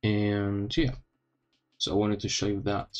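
Slow, slightly impeded low-voiced man. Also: level tone, clean tone. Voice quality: slightly odd, impeded speech after wisdom teeth removal. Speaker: tutorial host. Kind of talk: informal screen-recorded coding tutorial.

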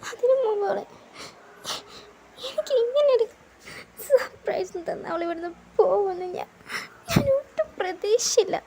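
A woman's voice: very high-pitched, fairly even intonation, measured pace, long pauses, a little mellow, slight background noise. A woman voicing a lovesick, tearful young man who stammers, pleads and breaks into sobs in a fan audio drama.

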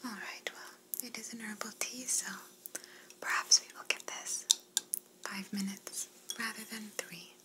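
A woman's voice: mid-range voice, fairly even intonation, measured pace, natural voice, poor audio. A young woman playing an attentive, courteous flight attendant in a whispered role-play, speaking politely as she offers service. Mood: courteous, soothing. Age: young adult.

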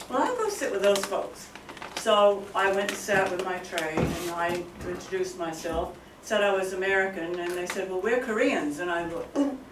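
A woman giving a public presentation, telling a personal story in a chatty, heartfelt way. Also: fairly low pitch. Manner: chatty storyteller, easily moved. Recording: echoey hall, distant mic, noise.

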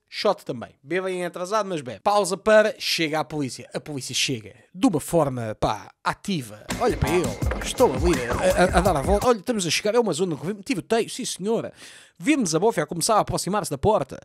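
A Portuguese man with a Lisbon accent, a comedian recapping a TV series with crude, sarcastic and animated commentary, acting out the characters. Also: high-pitched, no echo. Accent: European Portuguese, Lisbon. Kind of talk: comic commentary.

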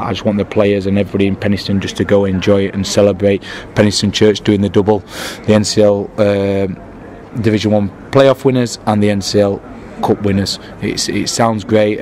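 Low, flat-voiced football manager. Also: male voice, a little fast, slight background noise. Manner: proud, repetitive restarts. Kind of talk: post-match interview. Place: football stadium.

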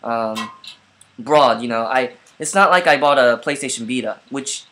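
Man, casual vlogger, bright tone, rambly with fillers, laptop webcam at home. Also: medium pitch, normal speed. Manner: rambling, lots of fillers and restarts. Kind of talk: casual vlog storytelling.

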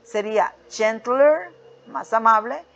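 A woman with a slightly high voice walks her students through a grammar worksheet in a patient, repetitive teaching manner. She keeps checking their understanding as she goes. The recording sounds dull and lo-fi. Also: slow pace, vocal fry, fairly bright tone. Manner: patient, repeats "¿ok?" and "¿verdad?" often. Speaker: English teacher.

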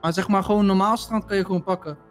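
A man's voice: high voice, steady tone, fast talker. A young man in a gaming roleplay, talking slang in a menacing way, with music behind. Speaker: roleplayer playing a gang member. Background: music playing.

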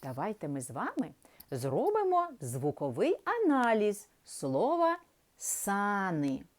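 Woman teacher talking to little kids, super slow, voice swoops way up and down, stretches out every sound. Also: medium pitch, huge pitch swings, darkish tone. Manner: slow, sing-song, drawn-out sounds for children. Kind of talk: primary school literacy lesson.

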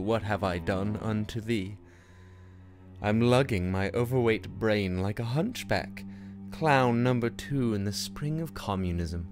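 A man playing a bitter, tormented young prince Hamlet in a theatrical, brooding radio-play monologue that slips between whispers and outbursts. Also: deep voice. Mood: anguished. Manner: brooding, dramatic, sardonic, slipping into whispers and outbursts. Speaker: performer in a student radio play. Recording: noisy amateur recording with ambient effects.

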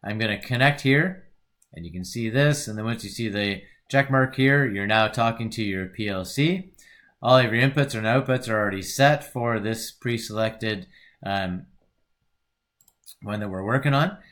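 A man giving a relaxed, rambling screen-recorded tutorial, often correcting himself as he clicks through software. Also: lowish voice, normal speed. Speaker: instructor.

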